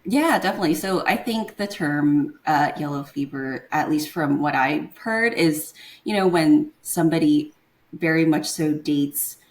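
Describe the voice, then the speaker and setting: A young woman from Taiwan is a guest in a casual interview, speaking in a low, steady, unhurried voice. She sounds hesitant, filling gaps with "um" and "like" as she searches for the right term.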